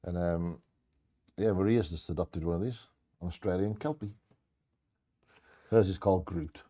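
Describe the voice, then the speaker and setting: A man's voice: low voice, moderate pace, mellow. A man co-hosting a bingo game, reading short fact blurbs and adding casual asides.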